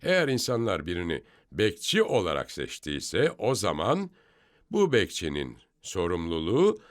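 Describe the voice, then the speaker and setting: A low-voiced man leads a scripture study discussion, explaining each passage step by step. His pitch rises and falls a lot as he stresses points, and he sounds emphatic and instructive. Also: huge pitch swings, normal speed. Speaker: Bible teacher.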